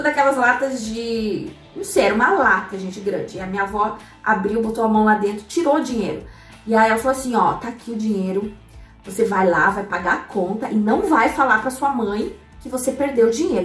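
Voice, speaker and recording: A woman with a fairly high voice tells her story in a relaxed, talkative way, turning to her listeners as she goes. She sounds set back from the microphone in an echoey room. Soft music plays underneath. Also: distant mic. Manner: chatty, addresses listeners directly, many fillers. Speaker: storyteller sharing personal finance lessons. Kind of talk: casual personal storytelling to an audience.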